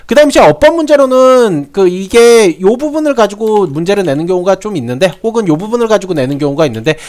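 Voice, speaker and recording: A young man explains English grammar in a casual lesson. His voice sits high and swings widely in pitch. He repeats himself and tosses rhetorical questions at his students. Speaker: English teacher.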